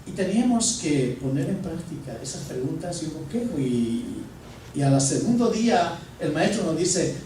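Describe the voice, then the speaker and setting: Telling a personal story from the pulpit, a man with a fairly high voice speaks at a moderate pace and plays out each line of dialogue with animation. The recording catches him from afar in a reverberant church with a little background noise.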